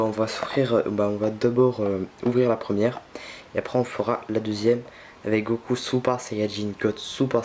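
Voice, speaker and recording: A man's voice: fairly low pitch, darkish tone, slight background noise. A young man filming an unboxing at home, talking casually and hesitantly with many fillers and restarts. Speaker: unboxing vlogger.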